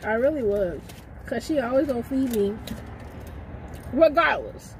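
A young woman with a high, bright pitch chats loudly and playfully from inside a car. Her window is down, so clear traffic noise runs under every line. She hosts in a loose, joking way, raising her voice now and then to carry. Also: lively intonation, measured pace, poor audio. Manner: chatty, loud and playful, hollering over the noise. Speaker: vlog host. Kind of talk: casual chat.

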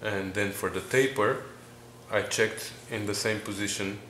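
A man narrates a workshop tutorial. He works through numbers methodically, with pauses and fillers. Faint ambient noise sits behind him in the garage. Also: fairly low pitch, fairly even intonation, fairly bright tone. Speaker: home mechanic explaining engine measurements.

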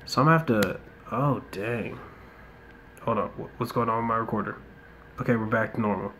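A young American guy, indoors, comments casually while playing mobile football, now and then ranting or muttering under his breath. He talks fairly quickly with a lowish voice, and slight background noise can be heard.

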